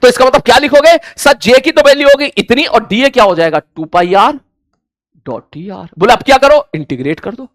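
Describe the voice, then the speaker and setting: A man's voice: very high voice, lively intonation, brisk, dry recording, studio quality. A man teaching a physics class, acting out back-and-forth dialogue with imagined students in a conversational way. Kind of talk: classroom lecture.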